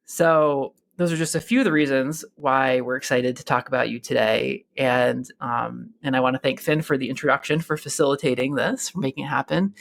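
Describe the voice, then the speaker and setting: A man's voice: a little high, vocal fry. Upbeat, playful podcast host, a man. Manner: upbeat and playful, with frequent laughs and fillers. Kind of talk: casual conversational interview.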